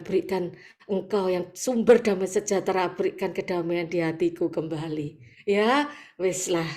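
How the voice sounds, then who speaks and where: A woman with an East Javanese accent preaching a sermon over a video call, lively, acting out quoted voices and laughing often. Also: mid-range voice. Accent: East Javanese Indonesian. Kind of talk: sermon at an online morning prayer meeting. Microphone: video call audio.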